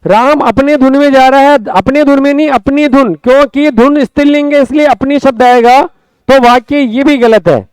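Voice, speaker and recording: Explaining a class lesson one step at a time, a Rajasthani-accented man teaching Hindi grammar repeats words slowly and regularly quizzes students with quick questions. His pitch is extremely high, and there is no room sound.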